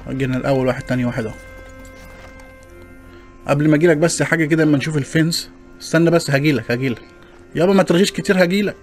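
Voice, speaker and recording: Fast-talking Egyptian man narrating gameplay. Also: on the high side, soft background music. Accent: Egyptian Arabic. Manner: joking, chatty, complaining to viewers. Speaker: gaming channel host. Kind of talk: gameplay commentary.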